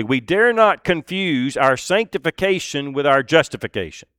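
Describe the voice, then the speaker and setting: A man preaching a sermon, earnest and deliberate, with pauses and emphatic repeats. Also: mid-range voice, fairly bright tone, clear, resonant tone, no echo, studio quality. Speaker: pastor.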